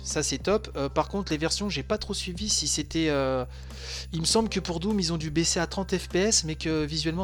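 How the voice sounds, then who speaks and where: A man's voice: a little high, fairly bright tone. A man hosting a casual podcast, talking with many fillers and restarts. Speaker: podcast host.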